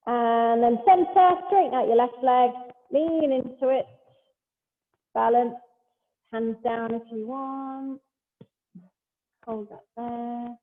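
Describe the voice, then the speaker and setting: Speaking slowly and pausing often, a high-voiced Pilates instructor leads her class calmly through each exercise step by step, with chat between cues. The session comes from a large hall over a video call, giving a long echo and a thin, phone-like sound.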